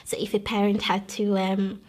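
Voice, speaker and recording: This guest is a Congolese woman with a mid-range, flat-toned voice, telling how she converted. Her earnest, measured testimony is full of pauses and restarts as she recalls events.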